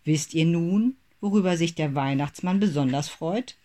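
A narrator voicing a calm, gentle father rabbit in a storybook reading. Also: mid-range voice, normal speed, natural voice.

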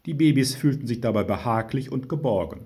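A man's voice: medium pitch, expressive, fairly quick, a little mellow, pitched above the performer's own voice, natural voice. A man voicing a patient mother who explains the nativity story to unruly children. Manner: patient explaining, tired sighs.

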